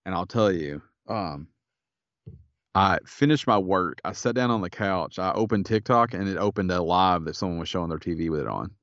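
A man's voice: low voice, moderate pace, fairly bright tone, no echo, dull audio. A man co-hosting a podcast, chatting casually in a laid-back, somewhat tired way. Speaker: podcast co-host. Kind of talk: casual chat.

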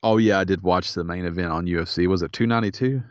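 A podcast co-host with a low voice talks fast in a casual chat, sounding laid-back and somewhat tired. The audio is dull, with no room sound.

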